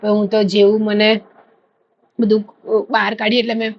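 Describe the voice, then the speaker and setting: A woman's voice: mid-range voice, normal speed, muffled recording. A woman, chatting casually to camera in a storytelling way. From India. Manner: chatty storytelling, animated when retelling. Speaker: vlogger.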